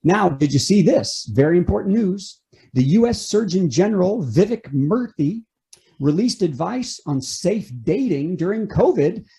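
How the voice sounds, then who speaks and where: Lively comedian delivering punchy late-night jokes. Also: medium pitch, unhurried. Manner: sets up news items, then delivers punchlines. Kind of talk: punchy late-night topical joke monologue.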